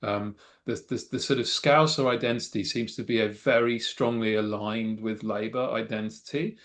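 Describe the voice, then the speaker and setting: A middle-aged political science guest with a lowish, slightly bright voice keeps a steady tone and moderate pace. He gives wry, thoughtful analysis in a conversational way, often restarting and using fillers, with a non-Mancunian English accent.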